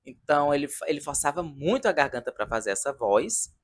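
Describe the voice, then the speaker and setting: A man's voice: a little high, lively intonation, brisk. A man in his thirties giving a casual, chatty and sentimental review in a vlog, talking in front of a decorated wall at home. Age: 30s. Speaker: video reviewer of a comedy show.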